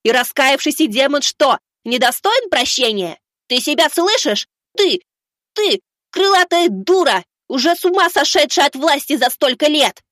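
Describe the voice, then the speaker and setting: A man voicing a stubborn, righteous young boy who shouts back in indignant defiance. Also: extremely high pitch, sing-song, normal speed, dry recording, clean studio sound, pitched above the performer's own voice, full character voice. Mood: furious.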